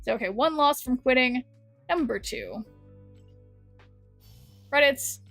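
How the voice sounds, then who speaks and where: A woman streaming a card game, chatting loosely with her viewers. Her voice sits a little high and sounds worn from talking. Faint music plays underneath. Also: lively intonation, takes it slowly, creaky, a bit bright, no room sound. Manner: chatty, rambling, reads chat aloud. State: losing her voice. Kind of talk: casual live-stream chat.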